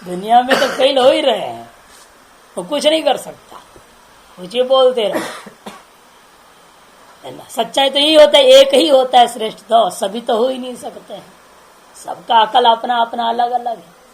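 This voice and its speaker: A woman's voice: on the high side, measured pace, long pauses, a little hiss or hum, poor audio. A woman spiritual teacher giving an informal religious discourse, chatty and laughing, often checking with listeners through rhetorical questions.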